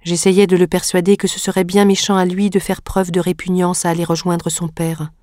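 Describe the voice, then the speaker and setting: A woman with a lowish voice narrates a classic novel at a measured, even pace. The sound is dry and close to the mic, with no room echo. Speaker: audiobook narrator. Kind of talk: literary audiobook narration.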